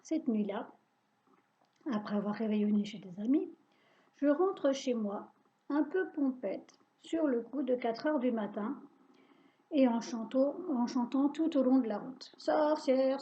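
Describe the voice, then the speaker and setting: A woman reading a children's story aloud in a lively, playful, suspenseful way, on a dull lo-fi recording. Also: a little high, normal speed.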